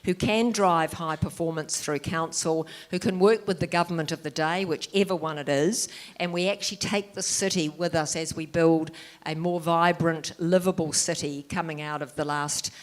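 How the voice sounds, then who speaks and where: A woman speaking as a candidate at a public forum, measured and occasionally pausing on fillers. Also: low-pitched, fairly even intonation. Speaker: mayoral candidate.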